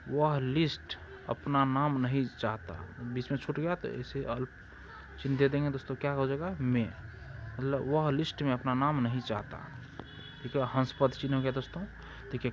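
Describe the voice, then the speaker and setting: There's slight background noise as a medium-pitched man with a Bihari Hindi accent gives a grammar lesson for exam prep. He asks himself questions and answers them, goes over things repeatedly, and keeps addressing friends.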